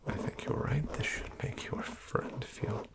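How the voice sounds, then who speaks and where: A man performs a soft-spoken ASMR doctor roleplay, speaking slowly in a gentle half-whisper with hesitant fillers.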